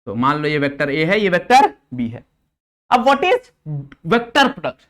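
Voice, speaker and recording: A man's voice: a little high, big pitch swings, a bit bright. A young man teaching a physics lesson in Hindi with English terms, repeating each point and quizzing his students. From India. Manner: slows sharply on English formula lines. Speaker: physics tutor. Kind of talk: classroom lecture mixing Hindi and English.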